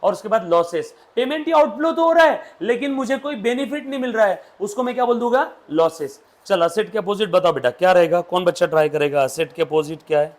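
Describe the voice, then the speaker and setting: High-voiced man teaching a class. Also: animated, fast, few pauses. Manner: drills students with questions and call-and-response. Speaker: accountancy teacher. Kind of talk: classroom lecture.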